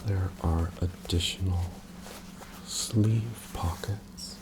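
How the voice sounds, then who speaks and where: A man in a whispered ASMR role-play as an attentive, courteous tailor, breathy and softly presenting his wares to a customer. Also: sits low, steady tone, extremely slow, background noise.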